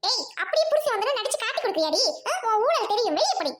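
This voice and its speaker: A woman playing a shrill, scornful rich mother-in-law. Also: big pitch swings, fast, exaggerated voice. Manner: shouting, insulting, mocking laughter.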